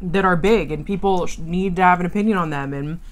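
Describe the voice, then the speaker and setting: Woman vlogger talking while she eats, kinda low voice, casual, chewing between bits. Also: brisk. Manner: chatting while eating, chewing between phrases. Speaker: mukbang vlogger. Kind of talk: casual chat. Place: small room at home, indoors.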